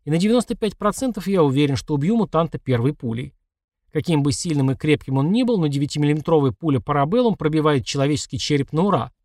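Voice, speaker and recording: A man's voice: fairly high pitch, lively intonation, fast talker, a little mellow, no echo, studio quality. Man narrating a tense audiobook. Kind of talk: first-person audiobook narration.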